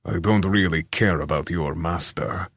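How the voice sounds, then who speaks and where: A man voicing a bearded ruler with a deep voice, blunt and distrustful. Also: measured pace, husky, dry recording, full character voice. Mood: wary. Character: bearded male ruler, gruff and wary.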